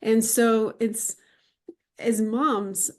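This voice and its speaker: A woman's voice: on the high side, steady tone, very slow, darkish tone. A middle-aged woman hosting a podcast, talking in a chatty, rambling, conversational way. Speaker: podcast host. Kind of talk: casual conversation.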